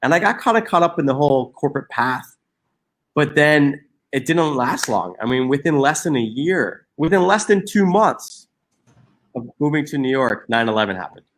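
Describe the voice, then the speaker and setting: This Egyptian man in his forties, a social entrepreneur, speaks as a guest in a reflective interview, his fairly high voice expressive and moderately paced. He is earnest, often restarting sentences and using many fillers.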